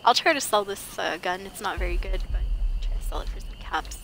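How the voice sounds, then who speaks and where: A young woman streams a game from her home gaming setup, chatting casually and thinking out loud while she sorts and prices her loot. Her mid-range voice is fairly quick and fairly bright, with faint music behind her.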